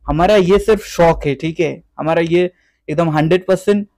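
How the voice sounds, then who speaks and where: A young man from West Bengal talks casually through a video tour of his fish farm. His voice sits a little high, and he keeps dropping English words and a running "theek hai" into his Hindi. The sound is close and dry. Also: normal speed, a little mellow, no echo. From West Bengal, India. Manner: chatty, repeats "theek hai" often. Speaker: guppy breeder and seller. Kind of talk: casual vlog walkthrough.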